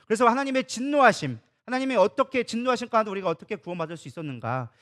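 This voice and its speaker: A man preaching a sermon as a pastor in a church, talking in a lively, conversational way. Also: sits high, very fast. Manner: lively, conversational preaching that acts out quoted dialogue. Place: church sanctuary.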